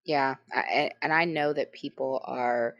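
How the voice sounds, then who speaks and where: A woman's voice: very deep voice, steady tone, unhurried, a bit bright, lo-fi sound. A woman co-hosting a podcast in casual chat, emphatic, with frequent restarts and asides. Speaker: podcast co-host.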